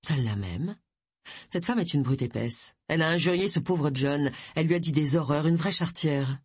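A reader voicing Tilly, a gruff middle-aged village woman who is blunt and scornful, speaking in a low, curt voice. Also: expressive, moderate pace, no echo. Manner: curt, dismissive, grumbling.

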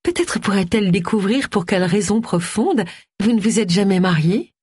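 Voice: mid-range voice, lively intonation, normal speed, breathy edge, no room sound, studio quality, voice pushed up. Smug, sugary woman, haughty and honeyed, as an audiobook narrator puts her on. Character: smug, sugary older woman, easily offended. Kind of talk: audiobook character voice.

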